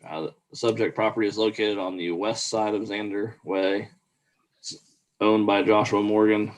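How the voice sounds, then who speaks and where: A man's voice: fairly low pitch, little pitch movement, normal speed. A man reading out a formal staff report at a public meeting in a plain, procedural way.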